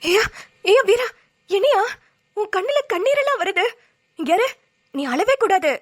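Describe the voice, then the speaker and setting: High tearful woman voicing a cartoon. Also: sing-song, normal speed. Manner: tearful, pleading, rural dialect. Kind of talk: melodramatic cartoon voice acting.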